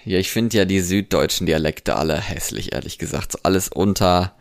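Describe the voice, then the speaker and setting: A man's voice: sits low, brisk, gravelly. A German man chatting casually as a podcast co-host, blunt and jokey, laughing often. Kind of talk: casual chat.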